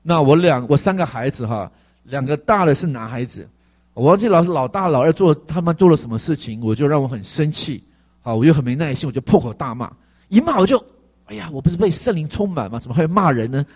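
A male pastor giving a conversational testimony sermon, animated and full of fillers. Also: fairly high pitch, fast, husky.

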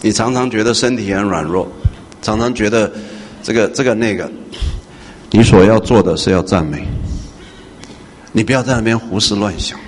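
A male pastor preaching a sermon, swinging from hushed to loud and questioning his congregation. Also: lowish voice, moderate pace, pauses often. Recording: echoey hall with faint noise.

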